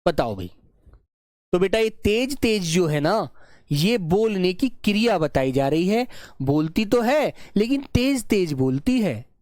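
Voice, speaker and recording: A man teaching an online grammar lesson, slowly dictating example sentences, repeating phrases and checking that his students follow. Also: high voice, big pitch swings, a little mellow, no echo, studio quality. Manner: repeats phrases and keeps checking the class understands.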